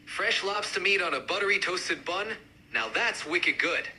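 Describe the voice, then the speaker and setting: A man's voice: high voice, moderate pace, pushed and bright, a little hiss or hum, rough recording. An AI voice doing a proud Boston man. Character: proud Boston seafood lover.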